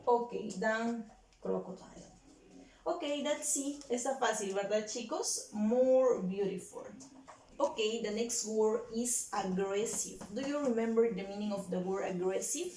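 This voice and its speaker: Woman English teacher, unhurried bilingual lesson style, slight hiss behind, roomy sound. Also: a little high, mellow, distant mic. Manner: slow and deliberate, repeating words and switching between English and Spanish. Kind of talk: bilingual classroom lesson for children.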